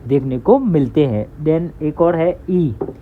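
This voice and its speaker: A man's voice: fairly high pitch, animated, takes it slowly. A young man giving a casual, chatty online English lesson. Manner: chatty, loose, reassuring, calls listeners bhai. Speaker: English teacher. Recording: thin phone-like audio with faint hiss.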